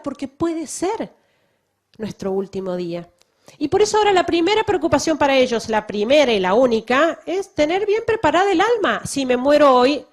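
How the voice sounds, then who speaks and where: A woman speaks to a church audience in a fairly high voice that rises and falls a lot. She talks with emphasis and keeps asking the listeners rhetorical questions. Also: darkish tone. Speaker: missionary giving a testimony. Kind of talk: public talk to a church audience.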